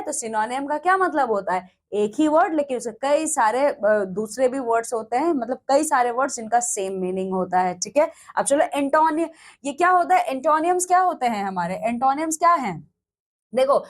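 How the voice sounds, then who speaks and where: A woman teaching English vocabulary in a classroom-style lesson, mixing Hindi with English and slowing down to read English sentences aloud. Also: sits high. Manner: mixes Hindi with English, reads word lists aloud, slows down for English sentences.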